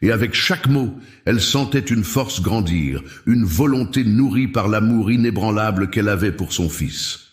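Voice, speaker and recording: A man tells a suspenseful story in a slow, dramatic manner. His voice is very deep, and the recording has a roomy echo. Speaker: narrator. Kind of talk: dramatic scripted narration.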